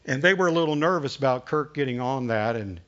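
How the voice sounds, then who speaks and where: An animated man in his sixties, medium-pitched and slightly bright, preaches a little fast with a Southern American accent, though the recording is muffled. The pastor spins folksy stories and fills pauses with uh.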